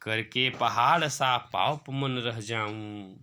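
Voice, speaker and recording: A man reciting verse slowly and dramatically as a grieving queen mother who pleads to be heard. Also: medium pitch, sharp tone, a little hiss or hum, pitched below the performer's own voice. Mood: pleading.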